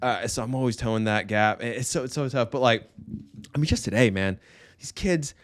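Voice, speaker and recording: A man's voice: mid-range voice, normal speed, dry recording, studio quality. A man in his thirties, co-hosting a casual parenting podcast and acting out his kids and himself as he tells stories. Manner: animated storyteller who acts out kids and himself. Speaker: podcast co-host.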